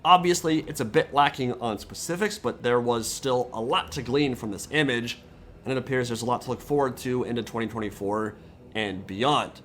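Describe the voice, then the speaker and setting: A man delivering scripted gaming commentary as a video host, in articulate, measured, wordy phrasing. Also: mid-range voice, fairly bright tone, slight background noise.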